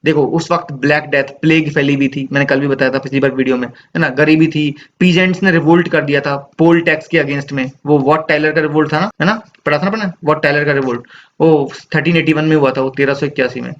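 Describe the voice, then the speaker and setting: A man's voice: fairly high pitch, steady tone, fast talker, lo-fi sound, a little hiss or hum. A male teacher giving a recorded lecture, explaining step by step and repeating key points with tag questions.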